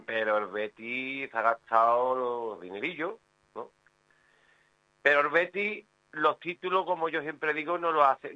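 A man calling in to a radio show, speaking earnestly over a phone line that sounds far away. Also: mid-range voice. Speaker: caller. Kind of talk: phone-in chat.

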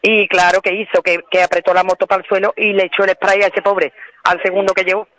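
An Andalusian woman calling into a radio show as an eyewitness, telling her story in an excited, repetitive rush. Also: mid-range voice, a little fast, dry recording, rough recording. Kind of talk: phone interview on radio.

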